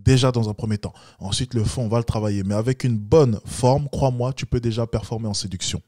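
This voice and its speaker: A man's voice: brisk, mellow, no room sound. Male dating coach, blunt and lecturing, dry close recording. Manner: blunt, lecturing, mocks with high-pitched imitations. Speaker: dating coach reacting to a street video. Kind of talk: reaction commentary.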